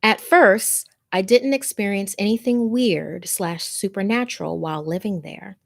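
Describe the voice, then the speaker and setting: Her voice is medium-pitched, gravelly and a bit slow. As host of a scary story show, she chats casually with livestream viewers, easily amused and informal, and reads their messages and stories aloud.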